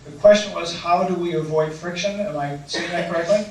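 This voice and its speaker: During a Q&A following his talk, a man who guides canoe and kayak outings answers the audience earnestly but hesitantly, first restating every question. His voice is high, brisk and a little mellow, recorded far from the mic in an echoey space with faint noise.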